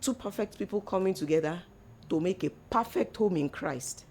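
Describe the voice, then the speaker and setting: A woman's voice: fairly low pitch, expressive, moderate pace, darkish tone, breathy edge. A middle-aged woman, giving earnest faith-based advice in a church talk. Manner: earnest, exhorting, mixes in local slang. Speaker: co-host, church mother.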